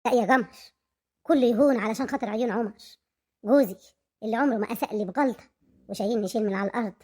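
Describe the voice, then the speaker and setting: A woman's voice: fairly high pitch, racing, darkish tone, lightly acted. A woman playing a young wife who talks fondly and proudly of her husband, with an Egyptian accent.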